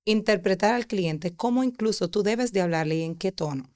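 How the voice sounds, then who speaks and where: A woman's voice: mid-range voice, fairly quick, darkish tone, dry recording, clean studio sound. A woman hosting a podcast, agreeing with her guest and adding her own points in casual conversation. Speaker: podcast host.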